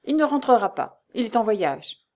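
A woman's voice: a little high, sing-song, normal speed, darkish tone, pitched above the performer's own voice. A woman voicing a brusque, rude male concierge who speaks in a dry, bossy tone. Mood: curt. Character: curt, brutal male concierge, middle-aged.

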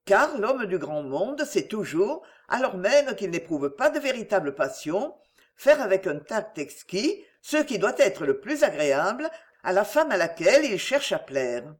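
A classic novel is brought to life by a female audiobook narrator. She has a medium pitch and an expressive, measured storytelling style.

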